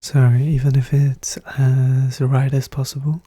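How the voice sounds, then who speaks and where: Soft-spoken ASMR puzzle narrator: hushed, breathy half-whisper, flat unhurried delivery, calm and methodical, close dry sound. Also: medium pitch, no echo. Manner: calm, methodical, thinking aloud. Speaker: puzzle solver narrating own play.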